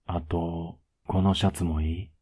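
Young boyfriend, played by a man, ASMR role-play. Husky, flat and unhurried, affectionate with gentle teasing. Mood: tired, casual. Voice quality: low, husky, soft. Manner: laid-back, gently teasing, intimate.

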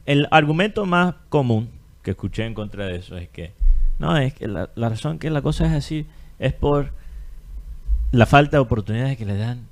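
A man's voice: medium pitch, lively intonation, moderate pace, vocal fry. Man, Colombian Caribbean coast accent, podcast co-host, casual opinion chat, argumentative, rhetorical.

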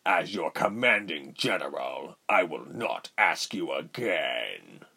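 A man's voice: sing-song, gravelly, sharp tone, breathy edge, exaggerated voice. A man doing a cold menacing general. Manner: slow, low, coldly threatening. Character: cold menacing male general, calm and cruel.

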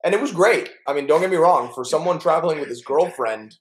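A man's voice: on the high side, quick pace, rough recording. A young man co-hosting a casual chat, telling stories in a chatty, jokey way and playfully mangling words. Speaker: podcast co-host.

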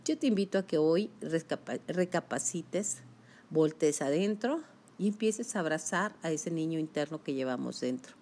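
A woman's voice: low-pitched, lively intonation, moderate pace, a little mellow. A woman giving a self-help talk, speaking emphatically and straight to the listener. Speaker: motivational speaker.

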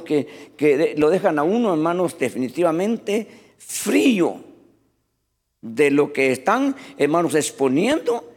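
A man delivering a sermon as pastor, his voice pitched a little high and swinging widely as he preaches. He talks in an animated way and keeps addressing the congregation as brothers. The sound carries a long reverb from a hall. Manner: animated preaching, often calling the congregation "hermano".

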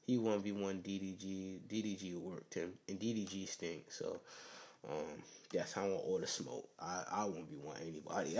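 A young man hosts his own podcast alone, chatting loosely and circling back on himself. His voice sits on the low side and he keeps it subdued, peppering his talk with slang and filler phrases. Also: steady tone, normal speed, a little mellow. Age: young adult. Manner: rambling, slangy, often says "you know what I'm saying". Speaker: podcast host. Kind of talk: casual solo podcast chat.

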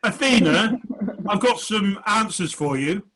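High-voiced quiz host, jokey. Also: male voice, animated, measured pace, fairly bright tone, low-quality recording. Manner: jokey, hesitant with fillers. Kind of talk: online comedy panel show hosting.

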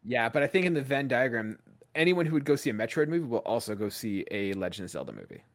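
A man talking casually on a podcast from a remote call. His pitch swings widely as he talks, and he rambles, stacking fillers as he works through his thoughts. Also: fast talker. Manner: rambling, animated, lots of "like" fillers. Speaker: podcast co-host. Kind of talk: casual chat.

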